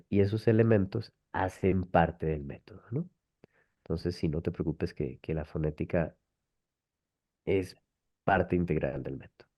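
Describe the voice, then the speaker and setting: A man hosting an online webinar, explaining patiently with many rhetorical tag questions over a video call. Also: low voice. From Colombia. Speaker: webinar host, language method presenter. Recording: dull lo-fi call audio.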